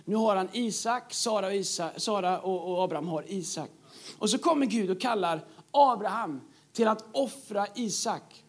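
A man preaching a sermon as pastor, emphatic and repeating key phrases, joking with the congregation in a church. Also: sits high.

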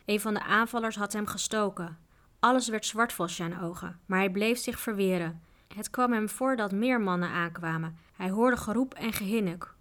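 A woman narrating a children's adventure book aloud in a steady, even reading voice. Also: medium pitch. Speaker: audiobook reader. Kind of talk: storybook narration.

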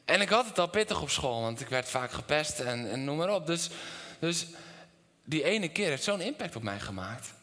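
A middle-aged male pastor preaching a sermon to his congregation, telling a personal story, asking them questions, and moving between loud, animated passages and quiet, intense ones. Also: fairly high pitch, moderate pace. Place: church hall with congregation. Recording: long hall reverb.

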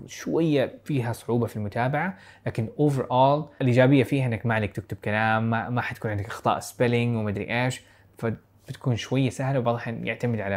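A young man rattles through a casual video lesson at a rapid clip. His voice sits at a middling pitch, and he stays chatty and animated, with quick asides. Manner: chatty, fast, animated with asides and little laughs. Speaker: IELTS tutor.

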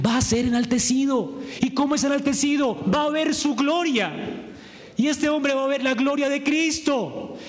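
A man preaching a sermon, emphatic, asking rhetorical questions and pausing for effect. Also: very high voice, big-room sound.

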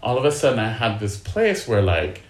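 A middle-aged man, an actor, telling a story from his career in casual talk, with lots of filler likes and lively voices when he acts out what others said. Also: lowish voice, normal speed. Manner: chatty, many filler likes; animated when acting out quoted people. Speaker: actor guest. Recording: roomy echo.

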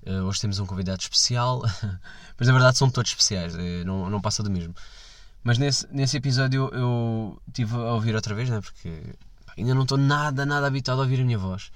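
A man's voice: mid-range voice, dry recording. A young man with a European Portuguese accent hosting a casual solo podcast, joking at himself and breaking into mock voices. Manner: animated, self-mocking, quick asides and mock voices. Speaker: podcast host. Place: quiet room at night.

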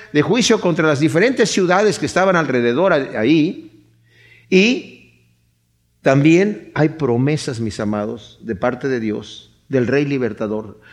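Animated preacher, higher voice. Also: male voice. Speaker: pastor. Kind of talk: sermon.

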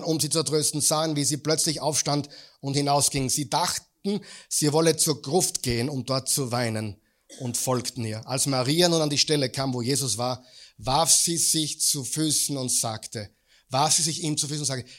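A pastor preaches a sermon in church, putting questions to the congregation and swinging between loud peaks and quiet, low lines.

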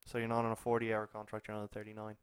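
A young man co-hosting a podcast, telling a rambling, animated story with plenty of restarts. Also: on the low side, very fast, smooth, no echo, clean studio sound. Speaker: podcast co-host. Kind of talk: casual chat.

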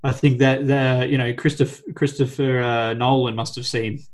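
A man's voice: mid-range voice, level tone, moderate pace, poor audio. A man in his thirties chats about a film with his co-host. He shares trivia with real enthusiasm and chuckles often. His tone is casual and friendly. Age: 30s. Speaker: podcast co-host. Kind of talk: casual film review chat.

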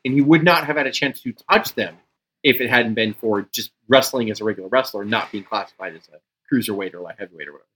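A man's voice: lowish voice, quick pace, fairly bright tone, husky, poor audio. A man hosting a podcast, chatting casually with emphatic, rambling, profanity-laced enthusiasm. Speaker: wrestling podcast host. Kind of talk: casual chat.

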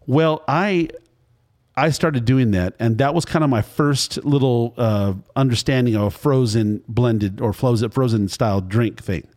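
Here the food podcast host, a man in his fifties, talks a little slowly in a mid-range, slightly mellow voice. His casual interview chat is full of long, wandering anecdotes.

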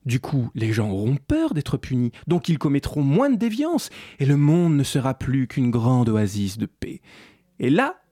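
A man's voice: mid-range voice, sing-song, unhurried, mellow, no echo, clean studio sound. A man hosting a sarcastic commentary video essay, speaking ironically and addressing the listener directly. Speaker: host.

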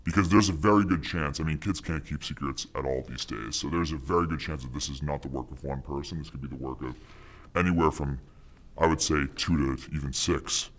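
An anonymous man interviewed with his voice electronically distorted to sound very deep, giving smug, conspiratorial advice. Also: a little fast, fairly bright tone. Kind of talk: mock interview.

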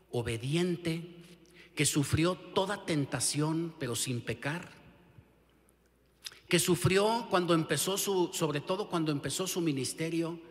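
A male pastor with a Mexican Spanish accent preaches in a fairly high voice at a slow, deliberate pace. He keeps asking the listener rhetorical questions and leans hard on key words. Long hall reverb hangs behind him. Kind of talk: sermon. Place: church sanctuary.

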